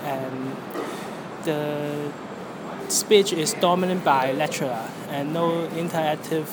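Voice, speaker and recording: Halting Hong Kong English speaker, very noisy recording. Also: mid-range voice. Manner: halting, searching for words. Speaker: interviewee. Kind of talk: interview answers about personal experience. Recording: loud air-conditioning or traffic-like background noise.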